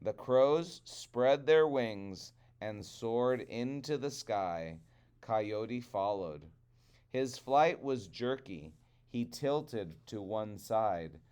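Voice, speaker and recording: A man telling a trickster tale as a storyteller, with deliberate, dramatic phrasing. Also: fairly low pitch, lively intonation, a little mellow, smooth.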